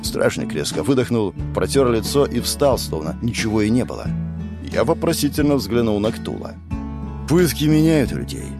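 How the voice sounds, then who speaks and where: A man narrating a story in an expressive way, reading every part himself. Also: lowish voice, normal speed, music in the background. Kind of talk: audiobook narration over guitar music.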